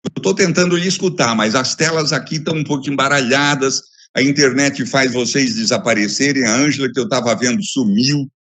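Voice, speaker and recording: A man with a Brazilian Portuguese accent giving an academic lecture over a video call by phone, emphatic and expressive, building ideas through repeated lists. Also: medium pitch, a little fast.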